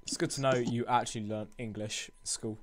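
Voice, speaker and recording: A man's voice: medium pitch, fairly even intonation, a little fast. A young man co-hosting a gaming video, bantering and teasing in casual chat. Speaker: gaming channel co-host.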